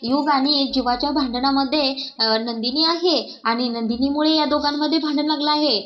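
A woman voicing a spiteful young woman who mutters slow, gloating thoughts to herself. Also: sits high, steady tone, muffled recording, lightly acted.

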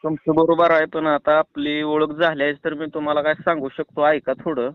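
Heard through a tinny phone line, the man speaks at normal speed with a fairly high pitch and flat delivery, his tone clean and free of room sound. He's a prank caller with a rural Maharashtrian Marathi accent, chatting casually and reassuringly to persuade.

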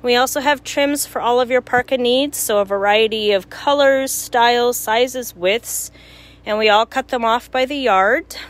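A woman's voice: on the high side, measured pace. A woman giving a casual shop tour as a store worker, her voice slightly muffled through a face mask. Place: small cluttered shop, indoors. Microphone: handheld phone.

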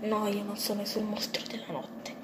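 A woman's voice: mid-range voice, flat delivery, normal speed, noisy background, lightly acted. Woman as an indignant young mouse sister. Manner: indignant, pleading. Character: young female mouse, shocked and defiant. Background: music.

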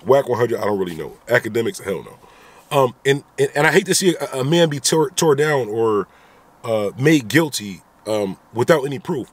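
A husky, medium-pitched male voice, animated and at a normal speed. He's a vlogger in his thirties, sitting in a car and talking into a phone camera held at arm's length, sharing his opinions with repeated rhetorical asides.

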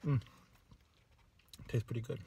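A man's voice: unhurried, warm tone. A man vlogging casually while eating, talking with his mouth full of food in a rambling way. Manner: rambling, repeats words, chewing while talking. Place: parked car outside a small-town hotel.

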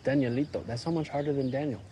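An actor in his twenties playing a relaxed, curious young American man trying new words and food. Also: medium pitch, fast talker, a little hiss or hum, lightly acted. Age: 20s. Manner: relaxed, curious, fumbling pronunciation. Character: young American man Dan, easygoing visitor. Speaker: lead character. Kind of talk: film dialogue.

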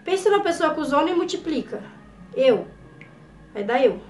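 A Brazilian woman with a Brazilian Portuguese accent reacting on camera, jumpy and excitable, scared and trembling, swearing and laughing as she talks. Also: high voice, normal speed, echoey room. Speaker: YouTuber. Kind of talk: reaction video chat.

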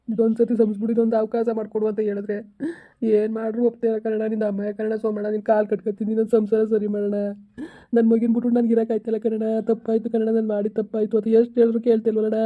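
A man's voice: sits high, close to an everyday voice. A man playing a tearful, begging husband. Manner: pleading, tearful, repetitive. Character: desperate young husband begging to win back wife. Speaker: estranged husband in a village comedy skit. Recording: tinny phone-like sound.

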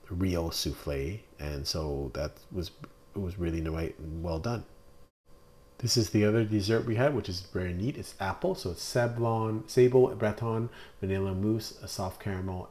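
A man's voice: sits low, a little mellow. A man narrating a casual restaurant review over photos, talking plainly and hesitantly with many fillers. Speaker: food reviewer.

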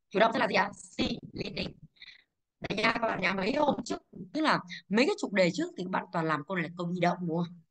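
A young woman teaching English, briskly walking through exam answers and asking the class questions she then answers herself. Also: medium pitch, a bit bright, rough recording.

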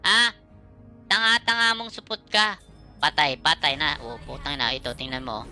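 Bright, swearing, excitable woman streamer. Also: deep voice, normal speed, soft background music. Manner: excitable, swearing, trash-talking opponents. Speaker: gaming streamer. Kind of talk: live gameplay commentary.

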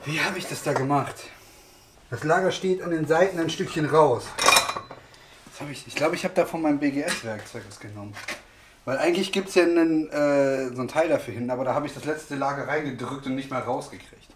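Against a noisy background, a mechanic runs his car repair vlog, talking fairly quickly in a slightly high voice. He's chatty, full of fillers, and thinks aloud as he works.

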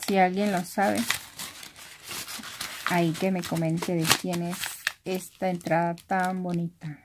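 Her voice is lowish and flat, and she takes her time as she quietly shows off craft items. This young craft vlogger, who has a Mexican accent, chats casually through an unboxing and keeps her voice down because others are asleep. Handling noise, clicks, crumpling and crinkling packaging are audible in the noisy room.

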